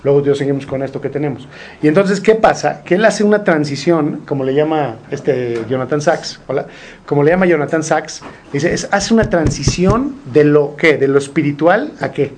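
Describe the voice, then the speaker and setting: A man's voice: a little high, normal speed, a little hiss or hum. A man teaching a Torah study group, asking questions and translating Hebrew quotes. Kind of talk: informal study-group lesson.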